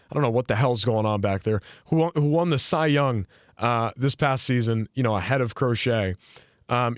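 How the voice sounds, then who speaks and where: A man's voice: medium pitch, no room sound, clean studio sound. A man hosting a sports podcast in casual chat, rambling with lots of fillers and restarts. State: hiccuping. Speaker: podcast host.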